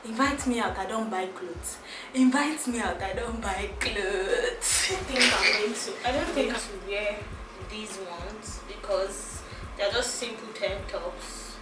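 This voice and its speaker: A young Nigerian woman with a Nigerian accent and a mid-range voice chats slowly and giggly through a clothing try-on haul as a fashion vlogger, thinking aloud and restarting her sentences. The recording is very noisy, made in an echoey room with a distant mic and music playing behind her.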